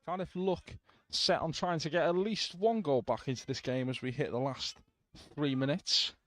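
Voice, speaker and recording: A man giving live radio commentary on a football match from the stands, calm play-by-play with brief asides to listeners. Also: on the high side, normal speed, dry recording.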